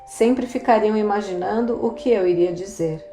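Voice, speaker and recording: A woman reading the lines of a wistful, resigned young woman in an audiobook, speaking softly. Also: medium pitch, normal speed, a little hiss or hum, lightly acted. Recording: roomy echo, faint music.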